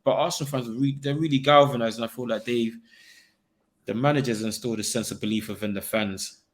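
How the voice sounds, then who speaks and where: A young man in a casual football chat, talking in an animated way with slang and frequent laughter. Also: medium pitch, quick pace. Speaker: football pundit.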